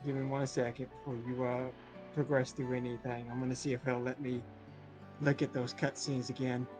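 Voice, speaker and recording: A man's voice: medium pitch, level tone, normal speed, poor audio. A man chatting casually as he streams a video game with a co-player. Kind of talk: casual gaming chat. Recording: loud music behind the voice.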